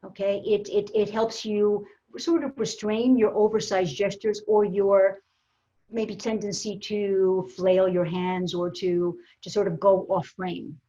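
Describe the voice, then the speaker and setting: A woman's voice: mid-range voice, measured pace. A woman coaching on public speaking in a virtual workshop, talking emphatically with frequent restarts. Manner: lively, emphatic, with repeated restarts. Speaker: communication coach. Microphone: laptop mic on a video call. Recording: slightly dull video-call audio.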